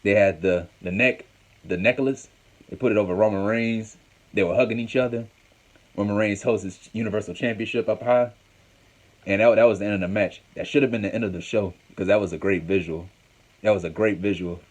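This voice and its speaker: Man, host, low voice, casual wrestling recap, rambling, repeats himself. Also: fairly even intonation, fairly quick.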